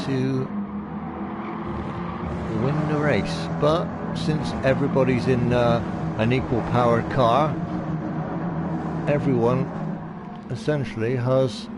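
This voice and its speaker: A man giving amateur online racing commentary in a halting, polite and understated way. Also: mid-range voice. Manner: hesitant, halting delivery. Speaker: race commentator. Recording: loud car engine noise behind. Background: racing car engines.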